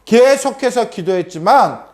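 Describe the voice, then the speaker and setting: A man's voice: very high voice, expressive, a little slow. A man giving a children's sermon, telling a story and constantly asking the children questions. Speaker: children's preacher.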